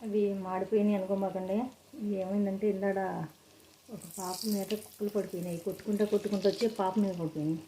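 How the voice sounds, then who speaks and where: A woman talks quickly and casually as she cooks in her home kitchen, walking viewers through every step. Her voice sits at a middle pitch. The clear sizzle and clatter of frying and stirring run under her words. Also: flat delivery, mellow, a little hiss or hum, poor audio. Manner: chatty, explains each step to viewers. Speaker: cooking vlogger. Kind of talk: casual cooking demonstration. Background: frying and stirring sounds.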